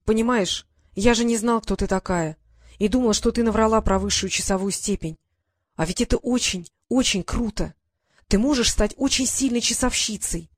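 A woman's voice: a little high, normal speed, no echo, studio quality, close to an everyday voice. A woman voicing an earnest, talkative teenage boy who explains things at length.

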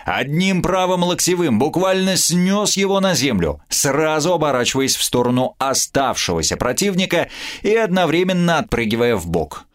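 A man's voice: fairly high pitch, very animated, moderate pace. Guy narrating an audiobook, dramatic, voice goes up and down a lot. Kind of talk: scripted narration.

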